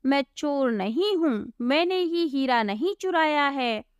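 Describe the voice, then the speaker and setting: A woman's voice: high-pitched, expressive, unhurried, no echo, clean studio sound. A woman voicing Sonu, a poor, honest young laborer, sounding bewildered and protesting his innocence.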